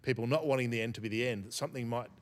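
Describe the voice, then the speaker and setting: A man speaking as a guest academic in an interview, reflective and unhurried, often restarting his sentences. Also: medium pitch. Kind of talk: thoughtful podcast interview.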